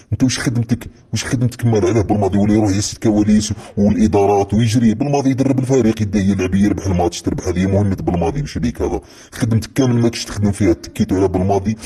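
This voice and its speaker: A man with an Algerian accent delivering a heated, accusatory monologue as a football commentator, repeating his points forcefully. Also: fairly low pitch, husky. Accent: Algerian Arabic. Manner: heated, accusatory, repetitive rant. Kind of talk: impassioned monologue.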